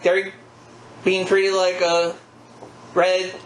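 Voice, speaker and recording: Guy with a high voice just chatting wrestling as co-host, really echoey room. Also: monotone, extremely slow. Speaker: podcast co-host. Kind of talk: casual wrestling chat. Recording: echoey room, faint background noise.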